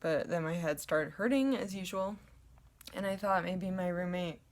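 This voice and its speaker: A young woman vlogging casually at home to a camera, with a low voice and a rambling, chatty way of talking full of ums. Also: moderate pace. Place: at home, indoors in her apartment. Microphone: camera in front of her.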